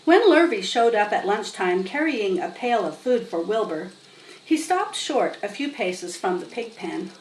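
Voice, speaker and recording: A woman's voice: mid-range voice, sing-song, unhurried. A woman narrating a children's story expressively as a storybook reader. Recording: roomy, distant mic, faint noise.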